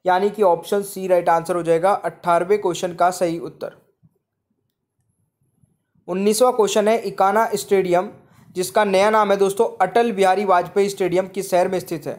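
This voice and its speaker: This is a slide voice-over for a general-knowledge quiz, delivered by a man whose high, steady voice has a somewhat dark tone and a slightly fast pace. Calling his viewers friends, he says every question twice before revealing the right answer.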